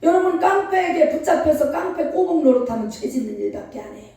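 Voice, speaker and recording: A woman pastor with a high, mellow voice preaches an animated storytelling sermon, laughing as she acts out scenes. She is heard from a distance, with heavy reverb from the church hall. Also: brisk. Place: church sanctuary. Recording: echoey hall, distant mic.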